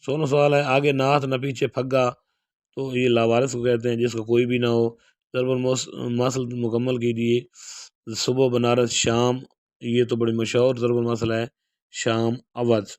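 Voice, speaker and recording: A Pakistani Urdu lecturer runs an exam-prep lesson on model paper answers, reading each question and then steadily explaining the answer. His voice is medium-pitched, and the studio recording is clean and dry.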